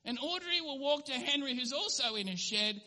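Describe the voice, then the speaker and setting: A man's voice: extremely high pitch, lively intonation, moderate pace, sharp tone. A male pastor giving an earnest sermon, sometimes acting out little everyday scenes in different voices. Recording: long hall reverb.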